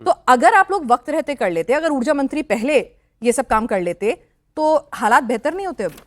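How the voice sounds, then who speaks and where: High-voiced female anchor who firmly moderates a debate. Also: very animated, moderate pace. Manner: firm, interrupts to keep order. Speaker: news anchor.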